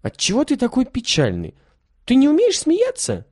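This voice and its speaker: A bossy but kind little rich girl, lively and high, full of bounce as she gives orders, as a male reader puts her on. The storybook voice rises and falls a lot. The recording is dry and close. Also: normal speed, dry recording, full character voice. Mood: curious. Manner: raised, insistent voice.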